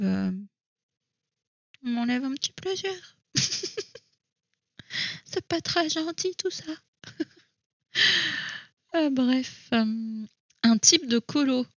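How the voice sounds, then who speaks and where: A woman's voice: a little high, no echo, lo-fi sound. A woman chatting casually to camera at home about her coloring books, thinking aloud and hesitating with many fillers. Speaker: coloring hobby vlogger.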